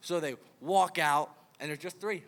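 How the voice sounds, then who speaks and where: Young male youth preacher, animated storyteller, slightly high voice, echoing hall. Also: normal speed, vocal fry. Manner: animated storytelling, acts out the king. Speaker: youth camp speaker. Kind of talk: casual sermon to kids. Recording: hall reverb.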